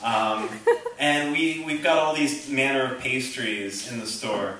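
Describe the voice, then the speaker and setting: A young man doing a halting, rambling stand-up set, full of ums and self-interruptions, on a small theater stage. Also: mid-range voice, sharp tone. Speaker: stand-up comedian. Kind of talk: open-mic stand-up set. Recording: echoey room recording from a distant camera.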